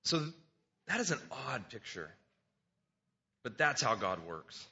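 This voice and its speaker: A man's voice: medium pitch, very animated, slow, pushed and bright, dull audio. A man preaching a sermon in an earnest, conversational way, reading scripture aloud and often restarting his words.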